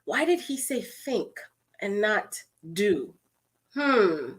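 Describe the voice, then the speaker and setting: A woman from Guyana with a Guyanese accent, giving an expressive, conversational motivational talk and calling her listeners her friends. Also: medium pitch, extremely slow. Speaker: motivational speaker.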